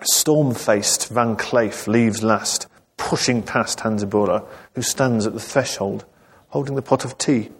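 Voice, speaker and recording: A man reading his novel aloud to a live audience, telling the story in a measured way with dry asides. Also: fairly low pitch, slightly rough. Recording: long reverb of a large hall.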